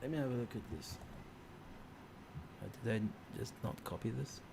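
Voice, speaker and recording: A man's voice: medium pitch, normal speed. A man hosting a casual live stream, thinking aloud in a hesitant, unscripted way. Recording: clear background noise.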